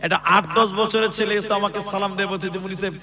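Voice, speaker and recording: A male preacher from Assam gives a live sermon at an outdoor gathering, his voice high-pitched and cutting over a loud crowd. He keeps throwing rhetorical questions at the listeners and bursts into shouts. The recording is a live event recording with constant crowd noise behind him. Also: little pitch movement, fast. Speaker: Islamic preacher.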